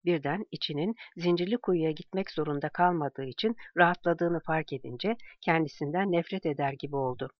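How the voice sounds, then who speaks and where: Brief: even-paced novel narrator, dry and slightly muffled sound. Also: mid-range voice, a little fast, hardly any pauses, dry recording. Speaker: audiobook narrator. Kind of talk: scripted narration.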